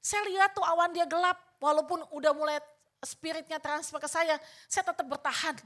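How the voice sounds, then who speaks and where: A woman's voice: extremely high pitch, fairly even intonation, moderate pace, a bit bright. An older woman pastor preaching a sermon, telling a personal story and often addressing the congregation, acting out her own past remarks.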